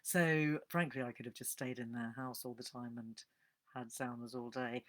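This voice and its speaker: A woman, giving a casual, animated live-stream talk on books and greeting viewers as they join. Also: rumbling low, moderate pace. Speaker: bibliotherapist hosting a live book talk.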